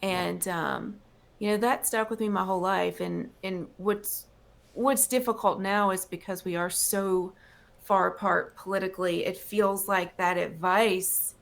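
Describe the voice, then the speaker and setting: A woman's voice: mid-range voice, steady tone, unhurried, vocal fry. A woman from North Carolina, a singer-songwriter guest, talking thoughtfully in a casual interview. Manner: thoughtful, reflective, laughs lightly.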